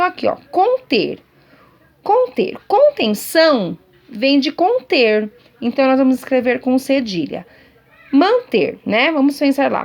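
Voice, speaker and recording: A woman teacher records a lesson for pupils at home. She speaks in a slightly high voice and explains each point patiently, often repeating it. She keeps checking that the class is following along.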